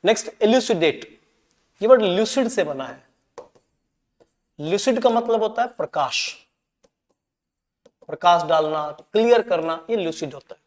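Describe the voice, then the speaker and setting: A man's voice: sits high, expressive, unhurried, long pauses, long reverb tail. A man teaching English for exam preparation, going through answers and mixing Hindi explanation with read-out English lines. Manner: mixes Hindi with read-out English, often checks in with "ठीक है?".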